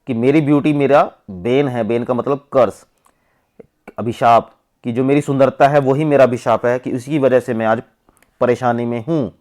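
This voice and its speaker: A male teacher from India, with an Indian English accent, reads English lines slowly and then explains them in Hindi. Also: medium pitch, darkish tone.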